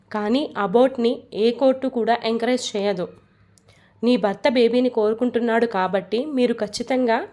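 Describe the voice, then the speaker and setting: A woman's voice: on the high side, darkish tone, lightly acted. A woman reading as a patient middle-aged lawyer. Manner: soothing, reasoning, fatherly.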